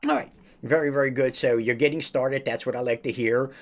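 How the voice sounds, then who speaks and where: A man hosting a podcast interview over a video call, speaking slowly and emphatically, with lots of encouraging praise. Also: mid-range voice, fairly even intonation. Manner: slow, emphatic, upbeat delivery with drawn-out phrases; repeats praise like a mentor. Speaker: podcast host.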